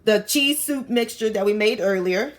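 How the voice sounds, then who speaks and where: A woman with a Southern US accent hosting a casual cooking video, expressive, with savoring exclamations and drawn-out words. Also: mid-range voice, soft background music. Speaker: cooking show host. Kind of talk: casual recipe narration.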